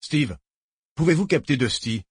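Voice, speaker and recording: A man's voice: a little high, lively intonation, measured pace, breathy edge, no echo, studio quality, voice pushed up, heavily acted. A man voicing a curt, commanding male federal agent giving clipped orders over the radio.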